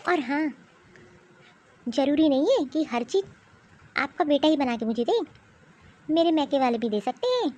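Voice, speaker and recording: A woman's voice: sits high, dark tone. A woman voicing a young elder daughter-in-law in a cartoon, earnest and firm in her manner. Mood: defiant. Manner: earnest, pleading then firm. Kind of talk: cartoon voice acting.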